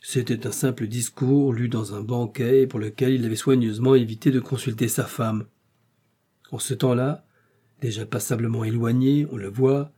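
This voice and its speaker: A man narrating a classic novel in a steady, measured reading. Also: medium pitch, husky. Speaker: audiobook narrator.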